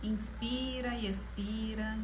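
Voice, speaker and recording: A woman with a Brazilian Portuguese accent leading a guided meditation in a slow, soothing manner, leaving long pauses between short phrases. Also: fairly high pitch, steady tone. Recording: clear background noise, ambience. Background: ambient meditation music.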